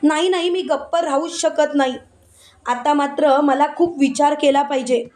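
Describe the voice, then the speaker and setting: A woman voicing an angry, betrayed young wife who speaks loudly and indignantly and keeps repeating herself. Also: high voice, fairly even intonation, moderate pace, natural voice. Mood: brooding.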